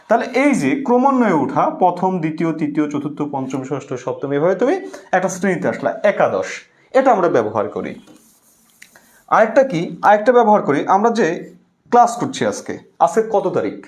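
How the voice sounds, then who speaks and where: A male language teacher giving an online class lecture, repeating key words and asking students to comment. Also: sits high.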